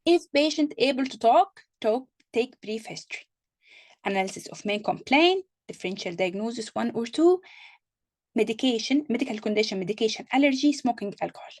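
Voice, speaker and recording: A woman's voice: fairly high pitch, animated, a little fast. A woman tutoring an online exam-prep session, repeating and restarting words, with reassuring asides.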